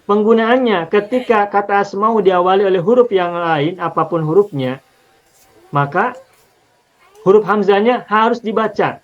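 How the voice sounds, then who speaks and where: A man's voice: high-pitched, normal speed, dull audio. A man teaching an Arabic linguistics lesson on the Quran, explaining patiently step by step and repeating examples.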